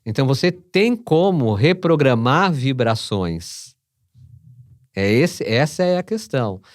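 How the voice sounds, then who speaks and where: A man's voice: mid-range voice, very animated, takes it slowly, no echo, clean studio sound. A Brazilian man, a guest on a podcast, explaining spiritual practice and often posing his own questions and answering them. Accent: Brazilian Portuguese. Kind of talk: conversational explanation.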